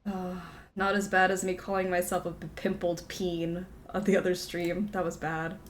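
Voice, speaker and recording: A woman streaming a game, chatting casually with viewers, giggling often and apologizing in quick asides. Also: fairly low pitch, monotone, a little hiss or hum.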